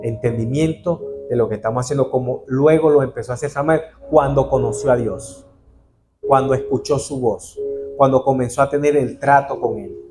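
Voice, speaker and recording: A man's voice: medium pitch, moderate pace. Man preaching a sermon over music. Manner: earnest, addresses the congregation as brother. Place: church.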